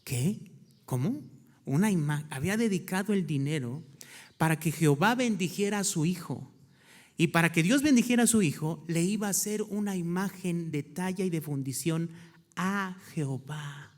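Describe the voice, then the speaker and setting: A man's voice: a little high, moderate pace. A male pastor preaching a sermon, reading scripture aloud and asking his congregation questions he then answers himself. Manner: reads scripture aloud between explanations. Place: church. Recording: hall reverb from a church.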